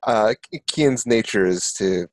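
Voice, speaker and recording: Inquisitive, low-voiced player man. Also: animated, unhurried, dry recording. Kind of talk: casual tabletop game chat.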